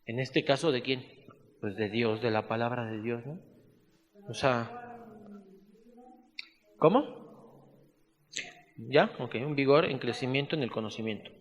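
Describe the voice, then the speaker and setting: A man with a Mexican accent teaching a Bible study class, dictating notes slowly and adding casual asides. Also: medium pitch. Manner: slow, spelled-out dictation mixed with conversational asides. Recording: echoey hall reverb.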